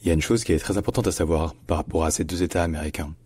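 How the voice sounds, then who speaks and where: A man teaching pronunciation in a lesson, explaining carefully and repeating example words slowly. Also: low voice, darkish tone, slightly rough, no echo.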